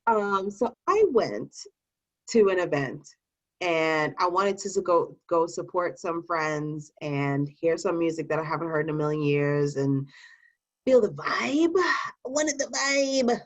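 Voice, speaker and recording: A woman's voice: low-pitched, measured pace. A tipsy woman host rambling through a casual rant, playfully mimicking the way other people talk. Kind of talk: casual ranting chat. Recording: dull lo-fi audio.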